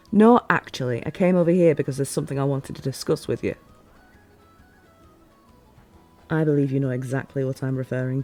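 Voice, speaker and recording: In an immersive audio roleplay, a woman voices a playful, teasing fantasy ruler, her fairly low voice shaped by formal yet expressive phrasing. Faint music plays behind her, and she sounds earnest and mildly exasperated.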